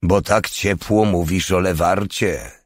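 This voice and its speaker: A man voicing a foul-mouthed, quick-tempered soldier. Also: sits low, no echo, clean studio sound. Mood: mocking, angry. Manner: coarse, mocking, swearing. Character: tough crude male soldier, short-tempered.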